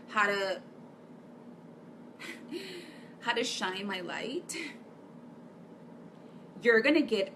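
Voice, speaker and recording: A woman's voice: medium pitch, fairly bright tone, slight background noise. A woman who gives psychic readings, speaking in an impassioned spiritual vlog monologue. She is fervent and preachy, and she repeats phrases for emphasis.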